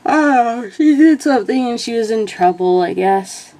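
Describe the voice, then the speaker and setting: A woman's voice: a little high, expressive, measured pace, warm tone. A young woman chatting casually in a meandering way, filling her talk with "like" as she retells movie scenes. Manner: meandering, heavy use of filler "like". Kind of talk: casual rambling commentary.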